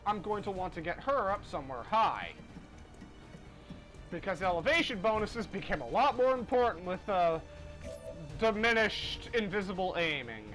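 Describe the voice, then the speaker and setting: A very high-pitched male gamer commentates casually in a rambling, self-deprecating way. His intonation moves around a lot, and faint game music sits behind him. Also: expressive, normal speed, a bit bright. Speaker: gaming commentator.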